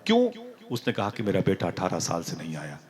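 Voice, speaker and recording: A man giving a religious sermon, telling a story with acted-out dialogue and sudden loud, emotional outbursts. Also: low-pitched, wildly swooping pitch, brisk. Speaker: preacher.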